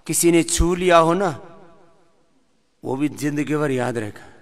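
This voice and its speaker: A man leading a live yoga class, giving instructions and lively talks on health while joking with the group. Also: fairly high pitch, measured pace, a little hiss or hum. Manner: lively, sings verses, jokes with class. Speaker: yoga teacher.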